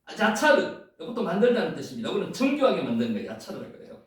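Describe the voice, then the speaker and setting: A man's voice: high-pitched, huge pitch swings, racing. A man teaching Bible Hebrew in a playful classroom lecture, repeating words and sometimes chanting them. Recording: echoey room, mic far off.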